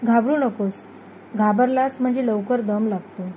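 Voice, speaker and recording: A woman's voice: on the high side, steady tone, moderate pace, dull audio, slight background noise, close to an everyday voice. Woman reading as a kind young village man. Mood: coaxing. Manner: gentle, coaxing instruction.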